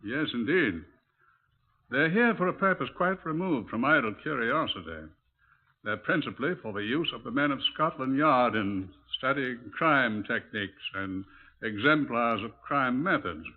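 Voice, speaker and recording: This muffled, narrowband vintage radio recording features a man as a formal British chief inspector in 1950s radio drama style. His natural mid-range voice is expressive and delivered at normal speed as he explains things precisely, formal and instructive.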